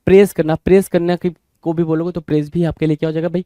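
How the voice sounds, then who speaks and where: High-voiced teacher, dry close sound. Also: male voice, little pitch movement, fast talker, warm tone, smooth, dry recording. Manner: repeats questions to the class, addresses viewers as bhai. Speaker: vocabulary teacher. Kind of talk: Hinglish exam-prep lesson.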